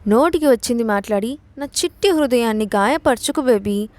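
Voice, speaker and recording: A slurring drunk man, whiny and mock-sweet, his talk dragging and sappy, as a woman storyteller puts him on. The voice sits a little lower than her own and rings dry and close. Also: expressive, moderate pace, darkish tone, dry recording, close to an everyday voice. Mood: drunkenly sappy.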